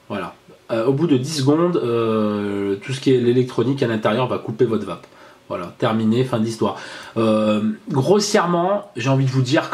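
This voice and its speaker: A man talks through a gadget demo in an easy, rambling way. He pauses often, restarts his sentences and fills the gaps with hesitations. His voice sits at an ordinary middle pitch. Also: darkish tone. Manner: chatty, halting, many fillers and restarts. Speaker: product reviewer. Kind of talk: casual hands-on product demo.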